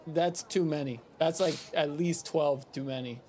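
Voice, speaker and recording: A man's voice: fairly high pitch, unhurried, a little mellow, a little hiss or hum. A man playing in a tabletop role-playing game, joking and rambling as he repeats his points. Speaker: player. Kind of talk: casual chat in a tabletop game.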